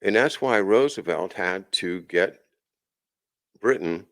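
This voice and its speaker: A man's voice: low voice, lively intonation, slow, a bit bright. A man hosting his own show, talking casually in a rambling monologue full of restarts and asides. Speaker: podcast host.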